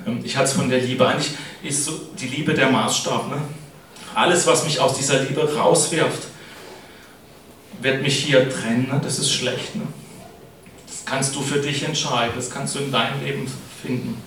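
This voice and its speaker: A man's voice: mid-range voice, steady tone, moderate pace, a bit bright. A middle-aged man preaches a casual, chatty sermon, often turning to his listeners to check they follow him. His voice is recorded from a distance in a very echoey church hall. A faint noise sits under his speech. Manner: chatty, keeps adding "ne?" to address the congregation.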